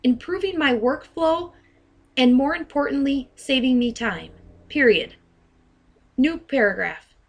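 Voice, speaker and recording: A software trainer with a fairly high, expressive voice narrates a demonstration as a voice-over for a screen recording. She speaks deliberately and instructively, articulating each dictated command clearly.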